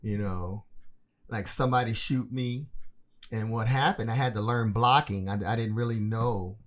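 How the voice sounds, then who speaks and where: A man co-hosting a podcast, talking in a relaxed, colloquial way and laughing easily. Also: on the low side, moderate pace. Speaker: podcast co-host. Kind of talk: casual interview chat.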